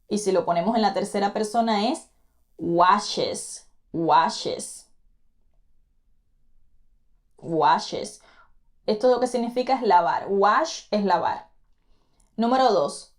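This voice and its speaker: A woman teaching English pronunciation in an online lesson, patiently repeating each word and speaking directly to the student. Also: mid-range voice. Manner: patient, repeats words slowly to model pronunciation; addresses the student directly, encouraging repetition.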